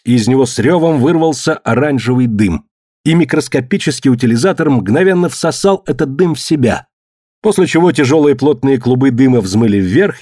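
A man reading a story aloud in a steady, measured narration. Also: mid-range voice, dry recording, studio quality. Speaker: audiobook narrator. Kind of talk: scripted narration.

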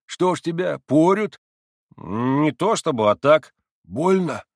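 A man voicing a calm, good-natured bearded peasant who speaks in slow, sententious phrases in a storybook reading. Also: on the high side, dry recording, clean studio sound, pitched above the performer's own voice, full character voice.

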